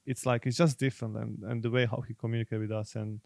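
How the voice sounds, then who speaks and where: A young Croatian man speaks English with a Croatian accent, stopping and repeating words as he hunts for them. His low, gravelly voice stays flat and even. The sound is dry and close to the mic. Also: dry recording. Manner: halting, repeats words while searching for English. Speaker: guest footballer. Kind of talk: casual podcast chat.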